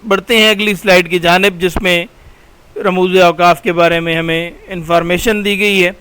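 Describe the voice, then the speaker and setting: A male college lecturer explaining grammar over slides in a patient, explanatory way, slowing down and repeating key terms. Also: high voice, fairly even intonation, sharp tone, clear, resonant tone, low-quality recording.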